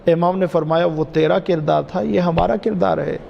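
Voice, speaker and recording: A man, a cleric giving a majlis sermon, repeating key phrases in a drawn-out, emphatic way and calling his listeners dear ones. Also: on the high side, steady tone, vocal fry, lo-fi sound. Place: mosque. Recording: reverberant mosque hall, faint ambience.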